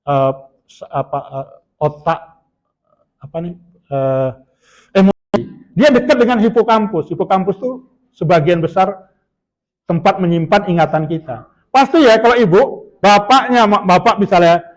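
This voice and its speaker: A middle-aged man preaches to a mosque congregation at dawn. His voice sits high for a man, and his talk is chatty, full of quick questions tossed to the listeners. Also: low-quality recording. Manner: chatty, keeps asking the audience "Pak".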